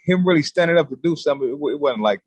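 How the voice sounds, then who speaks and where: Husky streetwise man telling a story. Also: a little high, fast talker, no echo, poor audio. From California. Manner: streetwise slang, animated storytelling. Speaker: guest. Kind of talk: casual storytelling.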